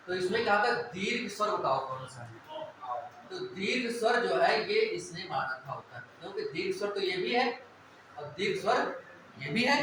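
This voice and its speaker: A man with a high, sharp-toned voice delivers a classroom lecture on Hindi vowels, walking through the grammar step by step and frequently checking that students are keeping up. He sounds distant in an echoey room, with a little background noise.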